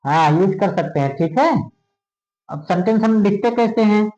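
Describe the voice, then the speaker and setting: Male grammar teacher, high voice, muffled lo-fi recording, keeps checking the class follows. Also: lively intonation, normal speed, darkish tone. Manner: checks often if students understand. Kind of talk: classroom lesson. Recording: dull lo-fi sound.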